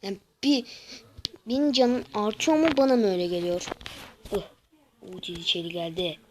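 A young woman giving casual gameplay commentary, talking straight to her viewers with frustrated, excitable outbursts. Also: medium pitch, normal speed, slight background noise, rough recording.

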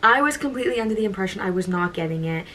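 A woman's voice: mid-range voice, expressive, rapid-fire, a bit bright, a little hiss or hum, poor audio. A young woman telling a story in her vlog, gushing and emotional, with lots of "like"s. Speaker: YouTuber.

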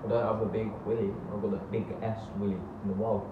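A man's voice: lowish voice, little pitch movement, fast. A young man, talking while eating and trading crude, teasing jokes with a friend in casual banter. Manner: teasing, crude, laughs easily. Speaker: mukbang co-host. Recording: distant, roomy, dull, noisy.

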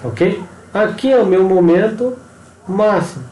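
Man, Brazilian Portuguese accent, higher voice, mellow tone, step-by-step tutorial, frequent check-in questions, echoey room. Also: unhurried. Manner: explanatory, frequent tag questions and pointing words. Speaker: engineering instructor. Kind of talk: screen-recorded tutorial walkthrough.

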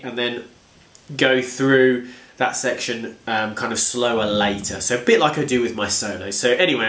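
In a home room lined with bookshelves, a man gives a casual guitar lesson, chatty and self-deprecating, congested from a cold and counting his strums aloud. His voice is medium in pitch and fairly bright, and the echoey recording includes guitar playing.

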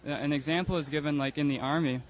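Earnest, calm man debating on the street. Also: on the high side, fast talker, lo-fi sound. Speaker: passerby in a religious debate. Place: outdoors on a city street.

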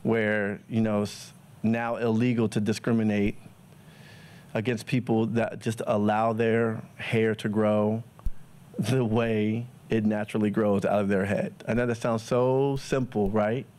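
Man, low voice, reflective personal talk to a live audience, casual and searching. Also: level tone, a little mellow. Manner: casual, thoughtful, many fillers and pauses. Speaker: guest speaker.

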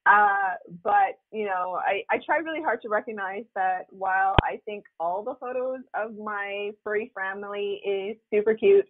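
Woman author guest, lively storyteller with leaps in pitch, heard over a tinny phone line. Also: moderate pace, hardly any pauses. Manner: animated storyteller, acts out quotes with big pitch jumps. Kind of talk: casual interview chat.

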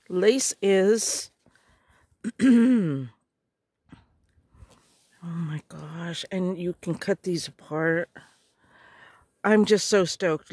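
A middle-aged woman, a little hoarse, chatting casually and gushing as she opens craft supplies. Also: on the low side, darkish tone, no room sound, clean studio sound. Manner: gushing, slow and murmuring. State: hoarse, clearing her throat. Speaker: craft vlogger. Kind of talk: casual unboxing chat.

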